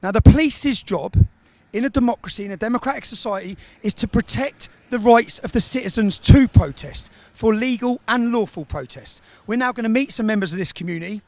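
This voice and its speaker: Male documentary narrator, sarcastic and emphatic, high and lively delivery. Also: a little fast.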